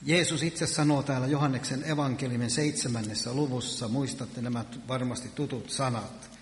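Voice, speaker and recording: A man's voice: medium pitch, steady tone, slight background noise. A man preaching a sermon in earnest, with emphatic rises on key words. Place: church hall. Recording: echoey church hall.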